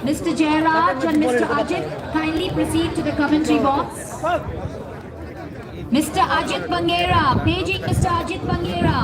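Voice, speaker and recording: A woman announcer making calm, measured paging calls over a loudspeaker at a sports ground, repeating names. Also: extremely high pitch. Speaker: tournament announcer and commentator. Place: outdoor cricket tournament ground. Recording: echoey, distant, loud crowd around.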